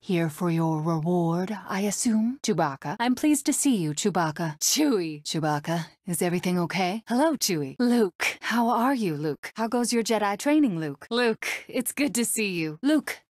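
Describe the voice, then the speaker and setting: A woman's voice: mid-range voice, lively intonation, moderate pace, few pauses, darkish tone, no room sound, clean studio sound, natural voice. A woman voicing a young, fearless rebel princess for a video game, poised and commanding with a wry, courteous manner. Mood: wry, teasing, then friendly, concerned. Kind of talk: video game character voice clips.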